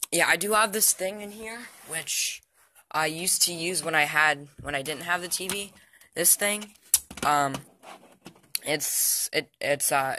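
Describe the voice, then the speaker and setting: A young male, teenage or barely adult, does a casual, unscripted show-and-tell indoors at home by the TV, rambling hesitantly and often trailing off. As an amateur vlogger, he has a fairly high, pushed, bright voice, with slight background noise.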